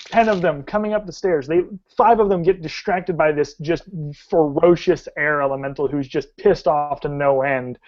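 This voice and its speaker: A man narrating a tabletop game as game master, describing the action in a halting way with many restarts. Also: a little high, darkish tone, a little hiss or hum. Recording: dull lo-fi audio.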